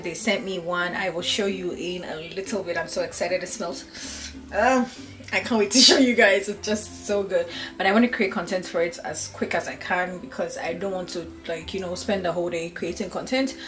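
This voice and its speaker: Filming herself at arm's length at home, moving between bedroom and home office, a twenty-something vlogger talks cheerfully to her viewers. She has a medium-pitched voice, the room sounds echoey, and an air conditioner hums behind her.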